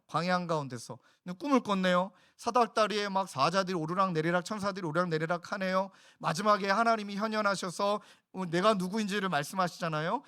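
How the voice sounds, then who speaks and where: A male pastor delivers a Sunday sermon, with his voice sitting a little high for a man. He speaks earnestly and conversationally, turning straight to the congregation and sometimes acting out the words of others to drive a point home. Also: pushed and bright. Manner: earnest, conversational preaching that addresses the congregation directly; drops into quoted voices for emphasis. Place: church service.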